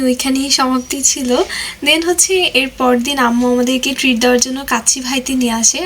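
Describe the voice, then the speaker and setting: Quick, high-voiced young woman vlogger. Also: fairly bright tone, slight background noise. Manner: chatty, mixes English phrases into her talk. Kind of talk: voice-over narration of a family vlog.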